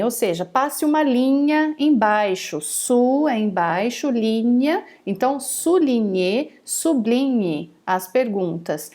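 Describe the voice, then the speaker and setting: A woman's voice: a little high, warm tone. A woman teaching French phrases in an online lesson, saying each phrase carefully twice and then explaining it. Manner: slow, careful modelling of phrases, repeated twice.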